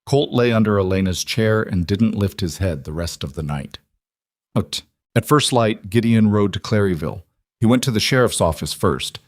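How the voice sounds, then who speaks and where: Male narrator for a frontier story, unhurried and even, deep and dry. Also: no echo. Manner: steady, unhurried. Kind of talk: scripted western story narration.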